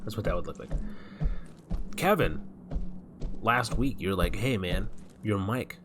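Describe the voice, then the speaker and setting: Streaming a game, a man chats casually and cracks jokes while reading the game's text aloud. He speaks a bit slowly in a lowish voice into a desk mic, with music playing under him.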